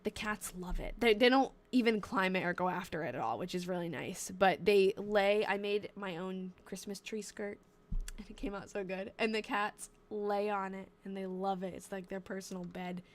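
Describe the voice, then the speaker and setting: A young woman in her twenties, speaking at normal speed in a mid-range voice, hosts a loose live stream while reading old diaries. Her nose is stuffed up and her voice wearing thin as she reads terse entries aloud, drifts into chatty asides, and often breaks off mid-sentence.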